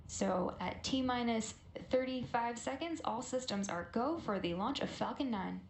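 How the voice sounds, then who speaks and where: A woman's voice: on the high side, moderate pace. A woman giving fluent, polished live explanatory commentary as a launch webcast host, recorded with room echo and some noise. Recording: roomy echo, background noise.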